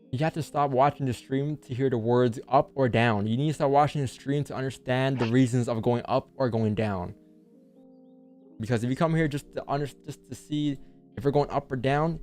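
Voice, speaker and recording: A man's voice: medium pitch, darkish tone. A man hosting a live trading stream in casual, instructive chat, with a speech impediment that keeps him from pronouncing his R's properly. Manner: instructing, rhetorical questions, repeats points. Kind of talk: livestream commentary and casual chat. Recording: music behind. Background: music.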